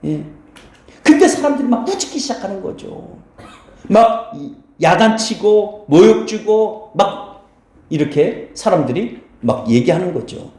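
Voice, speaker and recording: A man's voice: a little high, mellow. A man preaching a sermon as pastor, posing rhetorical questions and answering them, often addressing the congregation directly. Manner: keeps addressing the listeners directly and blessing them. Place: church sanctuary. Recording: very echoey church hall.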